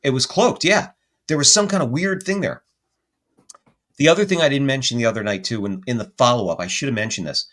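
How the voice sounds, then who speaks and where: Man, mid-pitched voice, casual podcast guest, animated rambling storyteller, keeps correcting himself. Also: a little fast. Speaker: guest paranormal investigator.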